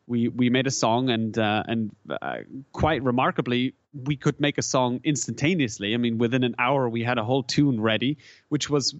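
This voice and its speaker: A man from German-speaking Switzerland, whose first language is Swiss German, answers casual interview questions as a musician guest. He speaks haltingly, with many restarts and repeated words, in a medium-pitched voice. The audio is dry, echo-free and dull.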